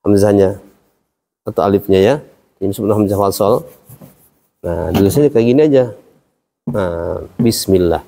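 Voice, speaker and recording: A man's voice: lowish voice, moderate pace, gravelly, pauses often, dark tone. A man teaching a class, explaining step by step and quizzing his students. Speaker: Quran recitation teacher. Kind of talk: classroom lesson. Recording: long reverb hall.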